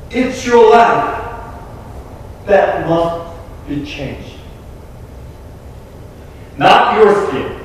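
A young man with a Korean accent, a pastor delivering an earnest, emphatic sermon with deliberate pauses. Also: high voice, a little hiss or hum. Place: small church sanctuary. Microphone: room mic from a distant camera. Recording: echoey church from far off.

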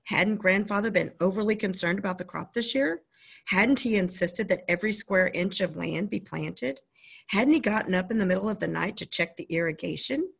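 A woman's voice: medium pitch, moderate pace, vocal fry, fairly bright tone, slightly rough. A woman reading a children's chapter book aloud to her listeners, with casual, friendly asides between passages. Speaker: storyteller reading a children's novel.

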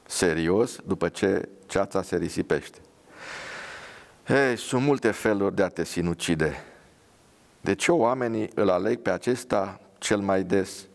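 A man reading his drama aloud and reflecting in a measured way, pausing often. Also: low-pitched, gravelly. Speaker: writer reading his work.

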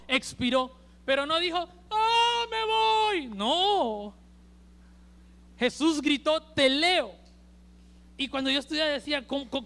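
High-voiced Honduran preacher man. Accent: Honduran Spanish. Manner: emphatic, swings between loud and hushed. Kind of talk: sermon. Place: church service.

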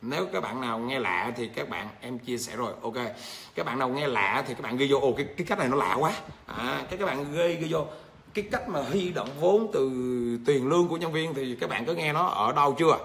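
A male business trainer, teaching a livestream lesson and answering viewer comments in a lively, repetitive way. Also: medium pitch, brisk, vocal fry, slight background noise. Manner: animated, repeats phrases, rises sharply when rebutting.

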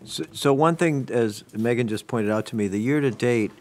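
A man's voice: mid-range voice, normal speed. A man presenting a town budget at a select board meeting, explaining line items step by step into a table microphone in a meeting room. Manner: explanatory, walking through budget lines.

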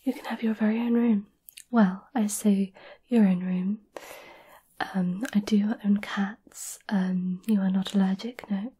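A woman doing a whispered role-play as a gentle, caring witch, soothing and a little hesitant, close to the microphone. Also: medium pitch, fairly even intonation, a little slow. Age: 20s. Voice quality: breathy whisper. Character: gentle, caring centuries-old witch offering potions. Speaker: ASMR performer. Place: small candlelit indoor room.

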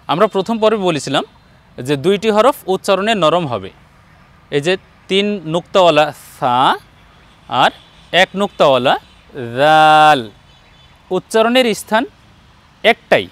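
A man's voice: sits high, fairly bright tone. A man teaching a Quran reading lesson, patiently guiding viewers and drawing out each letter sound for them to repeat. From Bangladesh. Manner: patient, addresses viewers directly, drawn-out letter sounds for repetition. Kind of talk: step-by-step pronunciation lesson.

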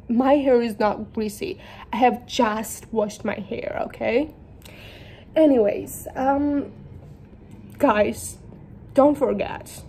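A woman's voice: fairly high pitch, warm tone, a little hiss or hum. A young woman from Georgia, a native Georgian speaker, chatting casually in English about her books, giggly and self-deprecating. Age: young adult. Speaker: book vlogger. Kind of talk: casual chat.

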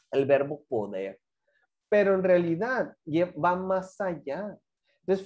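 Guy teaching english online, slow and bouncy pitch, chats w the kids. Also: muffled recording. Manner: switches between Spanish and English, lively and chatty with students. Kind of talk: online class explanation.

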